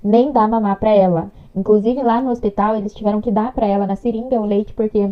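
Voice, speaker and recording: A woman's voice: medium pitch, fairly even intonation, a little fast, muffled recording. A young Brazilian woman telling her birth story to the camera in a chatty, emotional way, acting out what others said. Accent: Brazilian Portuguese. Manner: chatty, emotional, acts out dialogue.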